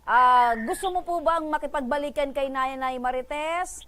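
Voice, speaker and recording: A woman hosting a radio call-in program, mediating between callers with brisk, probing and teasing questions. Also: high-pitched, a bit bright, a little hiss or hum. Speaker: host.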